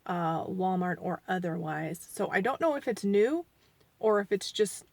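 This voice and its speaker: With a lowish, gravelly voice and lively intonation, a forties-aged beauty vlogger takes her time reviewing a foundation on a dry recording. She rambles chattily and jokes at her own expense, sounds a little sniffly from allergies, and gets quieter and mumbly while applying makeup.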